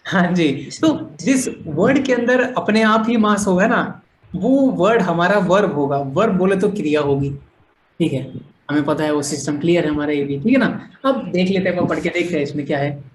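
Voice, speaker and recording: A man's voice: sits high, moderate pace. Male teacher for an online class, patient explainer who keeps checking in, slips in English phrases, roomy echo. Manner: mixes English phrases into talk. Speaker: language teacher.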